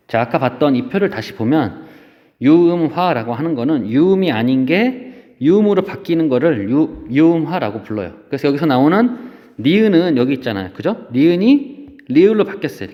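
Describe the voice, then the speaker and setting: A man teaching a Korean language lesson in a patient, repetitive lecture style, often asking students to check they follow. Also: mid-range voice. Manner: patient, repeats terms, asks checking questions. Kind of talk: recorded classroom lecture. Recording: dull lo-fi audio with long reverb.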